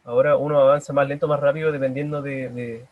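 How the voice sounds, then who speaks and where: A young man with a Chilean accent, a painter answering interview questions in halting, self-correcting casual talk over a video call. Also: mid-range voice, little pitch movement, phone-quality sound. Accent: Chilean Spanish. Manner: hesitant, halting, many restarts.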